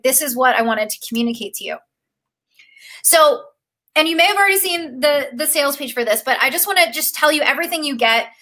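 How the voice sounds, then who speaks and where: A young woman with a high, bright voice pitches her coaching course on a live stream. She gushes with emotion and fills her speech with "like" and "um". Her tone is upbeat and she talks straight to her viewers. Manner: gushing, emotional, filler-heavy with frequent "like". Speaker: acting career coach.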